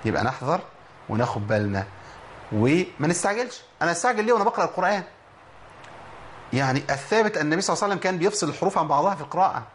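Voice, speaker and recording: A man with an Egyptian accent teaching Quran recitation in a lively lesson, quizzing listeners and slowly sounding out letters. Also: fairly high pitch, a little hiss or hum. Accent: Egyptian Arabic. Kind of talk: spoken tajweed lesson.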